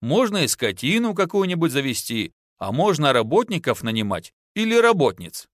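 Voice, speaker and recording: A man's voice: on the high side, very animated, normal speed, no echo, clean studio sound, voice pushed up. A man voicing a boastful, easygoing young husband in an audiobook, talking in a folksy, placating way. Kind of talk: audiobook narration.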